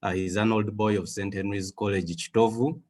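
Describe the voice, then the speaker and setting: A man in his thirties from Western Uganda with a Ugandan English accent, giving a measured webinar presentation with frequent fillers over a video call. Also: lowish voice, fairly even intonation, darkish tone. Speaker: guest speaker.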